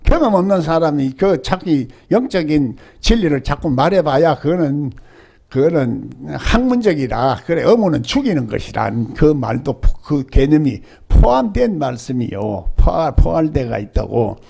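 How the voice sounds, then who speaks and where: A man's voice: a little high, sing-song, moderate pace, vocal fry, dark tone, breathy edge. An older male pastor with a Gyeongsang Korean accent, preaching a sermon and often asking the congregation rhetorical questions.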